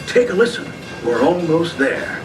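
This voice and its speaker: An actor playing a cheerful, folksy Old West railroad narrator in a scripted, theatrical theme park ride recording. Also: male voice, on the high side, big pitch swings, a little slow. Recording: echoey, distant speaker playback with loud music.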